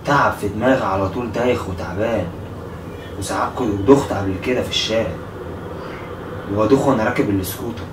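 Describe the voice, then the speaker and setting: Young Egyptian man, low voice, fake weepy pleading, distant roomy mic, room noise. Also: quick pace, long pauses. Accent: Egyptian Arabic. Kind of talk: staged prank, pretending to be sick.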